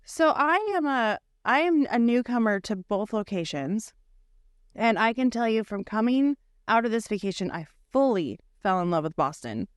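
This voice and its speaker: A woman co-hosting a casual podcast, her voice smooth and clean, in a dry room with no echo. She tells lively stories and slips into other people's voices as she goes. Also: fairly high pitch, normal speed. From United States. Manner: animated storyteller, acts out other people's voices. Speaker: podcast co-host. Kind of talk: casual chat.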